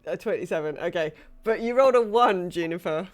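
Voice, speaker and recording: A woman's voice: lowish voice, fairly quick. A woman game master casually narrating a tabletop game, thinking aloud in a hesitant manner.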